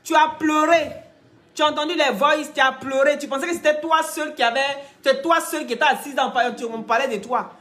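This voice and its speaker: A woman's voice: high-pitched, a little fast, fairly bright tone. A woman giving scolding, mocking gossip commentary, speaking straight to the people she criticizes. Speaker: online commentator.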